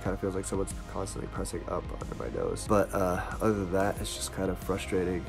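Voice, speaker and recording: A man giving a casual, halting and matter-of-fact video diary update, sounding congested from nose packing. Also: sits low, level tone, creaky, music in the background. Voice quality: congested, blocked nose from nose packing after surgery. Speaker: vlogger.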